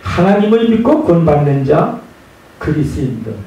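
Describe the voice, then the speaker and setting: Lively pastor preaching in an echoey hall. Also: male voice, normal speed, dull audio. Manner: lively preaching, acts out quoted scenes in lowered voice. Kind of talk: sermon. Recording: echoey room from a distance with faint noise.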